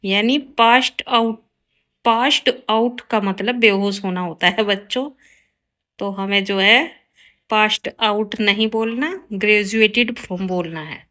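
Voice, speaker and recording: A woman teaching English grammar to Hindi speakers. She reads each example sentence very slowly and clearly, then explains it briskly and keeps calling her viewers guys and kids. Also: mid-range voice, fairly even intonation, pushed and bright.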